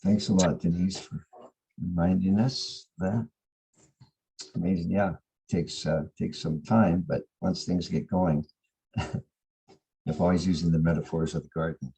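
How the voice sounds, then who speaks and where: A man's voice: low-pitched, fairly even intonation, measured pace, gravelly, long pauses, warm tone, breathy edge, low-quality recording. A man hosting a morning devotion call, easygoing and laughing lightly between thoughts as he chats over a video call. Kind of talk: casual group-sharing talk.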